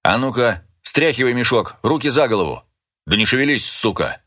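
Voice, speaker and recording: A man voicing a suspicious, cocky young male partisan who talks in a gruff, threatening way and swears. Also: mid-range voice, animated, normal speed, sharp tone, pitched above the performer's own voice. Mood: menacing.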